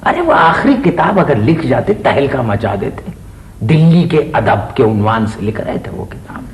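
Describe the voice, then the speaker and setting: An actor playing a pompous aging poet who loves praise, speaking in a theatrical, exclaiming way in a comic stage play. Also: male voice, mid-range voice, very animated, moderate pace, reverberant. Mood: grumbling.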